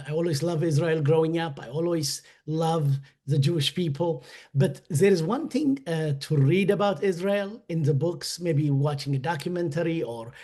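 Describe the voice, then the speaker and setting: A man's voice: fairly high pitch, mellow. A man from Ethiopia, a guest on a webinar interview, telling his story earnestly, with many fillers and restarts.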